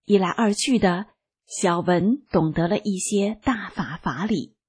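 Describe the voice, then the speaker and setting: Slow, husky woman narrator. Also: mid-range voice. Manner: slow, calm, even reading. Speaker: narrator reading a testimony. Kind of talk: scripted narration. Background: faint background music.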